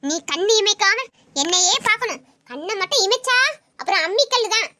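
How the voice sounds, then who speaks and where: A woman's voice: extremely high pitch, lively intonation, fairly quick, bright, forceful tone. A woman playing a wailing, bossy new bride in a comic couple sketch. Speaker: new bride in a comedy skit.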